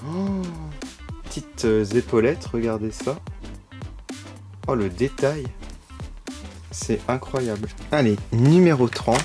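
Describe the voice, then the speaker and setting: A man's voice: mid-range voice, lively intonation, slow pace, long pauses. A man giving casual unboxing commentary as a toy vlogger, gushing with frequent delighted exclamations. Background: background music.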